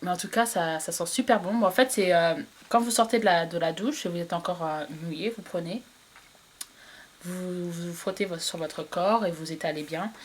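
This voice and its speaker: A woman's voice: fairly low pitch, moderate pace. A woman chatting casually to camera about beauty products she bought, hesitating often with fillers and restarts. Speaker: beauty vlogger. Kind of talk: casual product haul review.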